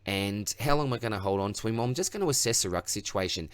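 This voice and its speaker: Speaking fast and animated in a fairly low pitch, this Australian host of a fantasy football channel rambles through a casual review of his own team, poking fun at himself. The recording has no room sound, and his voice is wearing out.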